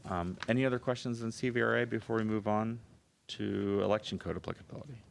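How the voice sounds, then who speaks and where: A man's voice: on the low side, steady tone, quick pace, gravelly, slight background noise. A man chairs a committee meeting, moving the discussion along in short, informal remarks. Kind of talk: brisk informal meeting moderation.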